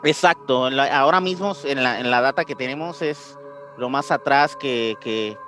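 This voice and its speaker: A man hosts a podcast with music behind him, speaking with a Puerto Rican accent at a normal speed. His medium-pitched voice is a bit bright, and his explanations are casual, slangy, and marked by repeated phrases.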